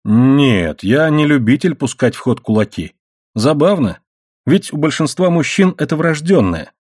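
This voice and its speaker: Calm, wry young man in an audiobook, read by a man: easygoing, dry, husky. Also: a little high, normal speed, no echo, pitched above the performer's own voice. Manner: easygoing, dry, laughing off danger. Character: young man, calm, stubborn and wryly amused.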